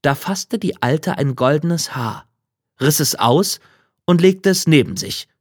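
A man narrating a fairy tale in a calm, even storytelling manner. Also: a little high, slow, no room sound, clean studio sound.

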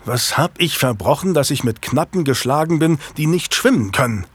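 A man voicing a gruff, exasperated male knight in an audiobook, speaking in a scolding way. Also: on the high side, animated, moderate pace, pitched above the performer's own voice.

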